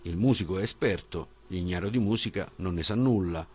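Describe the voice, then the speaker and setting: A brash ancient Greek sophist, blunt and dismissive in every reply, as a male audiobook reader gives him voice. His voice sits very low and deep, and he brushes aside his opponent's questions with defiant certainty. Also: fairly quick, a little mellow, husky.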